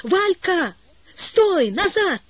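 A woman voicing a brave, commanding young boy in an audiobook, with a high, boyish, raised voice. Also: animated, slow, dry recording, highs cut off. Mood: alarmed. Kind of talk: audiobook reading.

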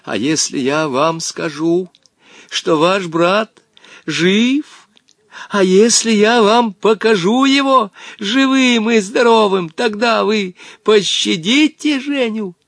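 Man reading eager clever boy, urgent, raised pitch, storybook. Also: takes it slowly, gravelly, fairly bright tone, no room sound, studio quality, full character voice. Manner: urgent, crying out questions. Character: quick-witted young boy, eager and pleading.

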